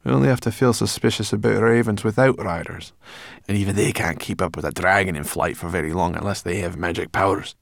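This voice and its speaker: A man voicing a cheeky, sharp-tongued female forest brownie in an audiobook, blunt and breezy. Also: low voice, steady tone, fairly quick, vocal fry, no room sound, studio quality.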